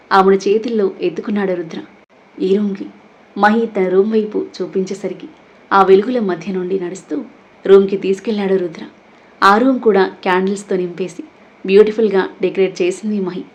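A woman narrating a romantic audio story in an even, steady storytelling voice. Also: medium pitch, dull audio.

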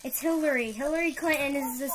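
Young woman w a headache, talks high, lots of "like", noisy clip. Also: fast. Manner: chatty, lots of "like", drops to whispers. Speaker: vlogger. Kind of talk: casual chat. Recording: noisy home recording.

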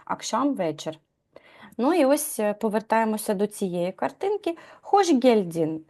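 Lively woman teaching a language lesson. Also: on the high side, normal speed. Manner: explains patiently, asks students questions, many fillers. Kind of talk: live online language lesson.

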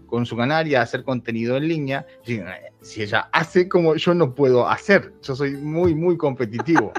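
A Uruguayan man in his thirties, a YouTuber talking candidly in an interview, laughing often and restarting his sentences. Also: on the high side. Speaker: YouTuber guest. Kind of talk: casual interview chat. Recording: dull lo-fi sound with faint music.

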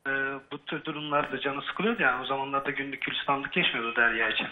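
A man's voice: mid-range voice, fast talker, narrow, tinny audio. A young man speaking as a talk show guest, hesitant and full of fillers.

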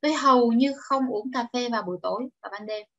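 A woman's voice: fairly high pitch, fast, fairly bright tone, highs cut off. A woman teaching an online English grammar class, explaining step by step and encouraging her students. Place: home or office, online class.

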